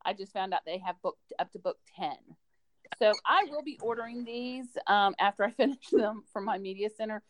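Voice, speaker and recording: Speaking briskly at a mid-range pitch, this woman, a school librarian, talks books on a podcast with casual enthusiasm, sharing recommendations.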